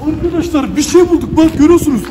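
Really high-pitched guy vlogging, cocky and taunting, slangy, faint music under it. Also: very fast. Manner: brash and taunting, slangy, excitable. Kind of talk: casual horror-challenge vlog.

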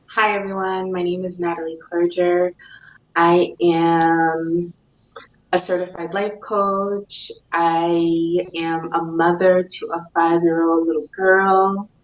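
Slow-spoken woman in an echoey room. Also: fairly low pitch, flat delivery. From Massachusetts. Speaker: life coach. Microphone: video call webcam. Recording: roomy, distant, dull webcam sound.

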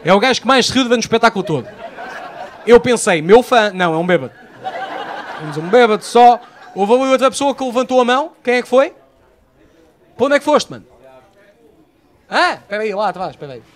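Performing live stand-up before an audience, a young Portuguese-accented comedian trades loud, profane banter with the crowd. His voice is very high-pitched, fast and lively in intonation, and he pauses often, with faint crowd noise audible.

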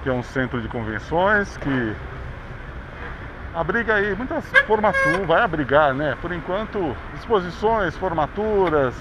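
A man's voice: fairly high pitch, very animated, measured pace. Brazilian man narrating a bike ride. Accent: Brazilian Portuguese. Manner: chatty tour-guide commentary, pointing things out. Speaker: vlogger. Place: outdoors on a city bike path. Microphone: action camera on handlebars. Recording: dull action-camera audio with street noise.

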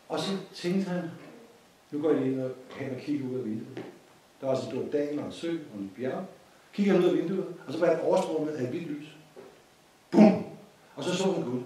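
A man with a Danish accent giving an informal course lecture, telling a story with repeated phrases and lively asides. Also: fairly high pitch. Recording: echoey hall from a distance.

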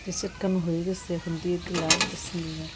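A woman's voice: on the low side, little pitch movement, brisk. A woman giving plain, matter-of-fact narration as she cooks in her home kitchen. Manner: plain, matter-of-fact commentary while cooking. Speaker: home cook vlogger. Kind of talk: casual cooking narration. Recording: noisy kitchen with loud sizzling. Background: loud frying and sizzling.

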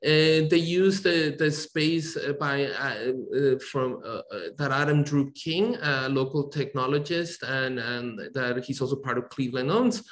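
A man's voice: medium pitch, measured pace, hardly any pauses. A hesitant man on a video call. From Colombia. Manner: hesitant, many fillers and restarts. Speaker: architect, guest speaker. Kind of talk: academic webinar talk. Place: home room, video call. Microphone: computer mic on video call.

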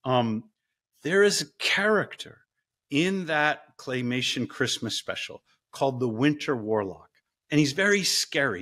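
A middle-aged man, a guest professor, telling a story in a casual, animated interview. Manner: animated, acts out story voices with big pitch jumps. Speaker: guest, professor and ice bath company co-founder.

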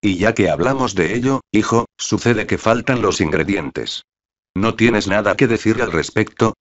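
A man's voice: lowish voice, normal speed, natural voice. A man voicing a stern, wealthy middle-aged father who questions his son firmly. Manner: firm, interrogating. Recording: dull lo-fi audiobook recording.

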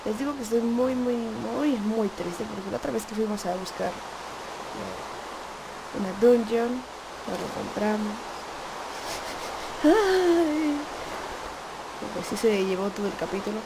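Woman gamer, chatty and playful, gravelly edge to the voice. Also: on the high side, unhurried, long pauses. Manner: chatty, coaxes animals playfully. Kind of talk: casual gameplay commentary. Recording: noisy home recording.

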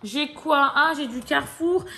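Showing off her shopping haul, a chatty woman in her forties talks casually and directly to her viewers, throwing in lots of fillers and asides. Her voice sits high with a sharp tone, she speaks a little slowly, and there's a slight hiss or hum.

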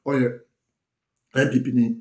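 A man's voice: medium pitch, measured pace, highs cut off. A man with a Ghanaian accent giving political commentary as an online show host, mixing English and Twi with emphatic delivery. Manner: switches between English and Twi, animated and emphatic. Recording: roomy echo.

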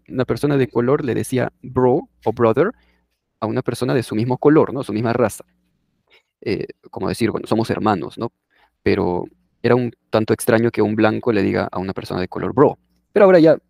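Gravelly teacher guy explaining english, chatty, keeps asking right?, dry close mic. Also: medium pitch, a little fast, darkish tone, no echo. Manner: conversational, checks in with "no?" often. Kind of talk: explaining a lesson.

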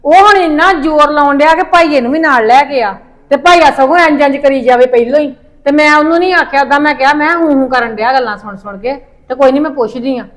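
A middle-aged woman with a high voice rants and scolds at length, complaining bitterly in a family drama. Her voice stays bright and high throughout the tirade. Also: fast. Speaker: mother-in-law in a family drama. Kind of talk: Punjabi family drama acting.

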